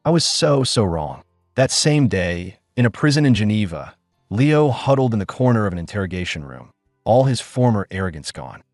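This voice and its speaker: A man's voice: fairly low pitch, very animated, fairly quick, a little mellow, dry recording, clean studio sound, soft background music. A man narrating a dramatic story in a scripted, storytelling reading.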